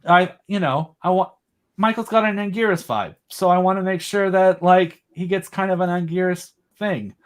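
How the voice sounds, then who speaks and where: A man appears as a podcast guest in a casual chat, enthusiastic and rambling, with plenty of fillers and restarts. He creates audio dramas, and his voice is high-pitched at a normal speed.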